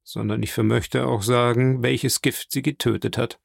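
A man reading an audiobook, voicing a grave, deliberate physician. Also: mid-range voice, little pitch movement, vocal fry, no room sound, clean studio sound. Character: grave, measured male physician.

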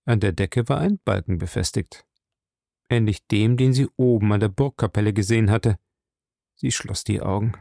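A male audiobook narrator tells the story at a measured, steady pace. His voice has a gravelly, creaky texture. It is recorded close and dry, with no room sound. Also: on the low side, dry recording. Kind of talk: scripted narration.

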